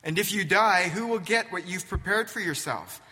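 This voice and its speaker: An earnest, compassionate teacher who pleads and warns, as a preacher puts him on. His voice is bright and slightly raised, and his delivery is slow and deliberate. A long hall reverb hangs on every word. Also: high voice, lively intonation, voice pushed up. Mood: warning. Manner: earnest, pleading, by turns warning and gentle. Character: compassionate, urgent male teacher of followers.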